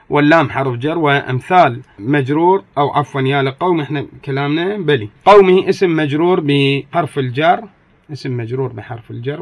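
Guy teaching grammar, kinda high gravelly voice, keeps fixing himself and saying stuff again slow. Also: no room sound. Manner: repeats examples slowly, corrects himself often. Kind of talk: classroom lecture.

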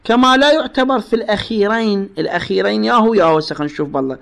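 An Iraqi man teaching religious law in a lecture. His voice is a little high for a man, with a gravelly, fry-laden edge. He explains patiently, says the key phrases twice and keeps asking his students questions. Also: racing, fairly bright tone. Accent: Iraqi Arabic. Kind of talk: classroom lecture on jurisprudence.

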